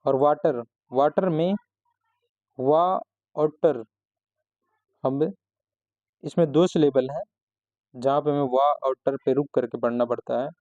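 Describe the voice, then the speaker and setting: Slow methodical male grammar teacher. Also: fairly high pitch, warm tone, no room sound. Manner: slow, methodical explaining with frequent restarts. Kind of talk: explanatory grammar lesson. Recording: slightly dull, lo-fi recording.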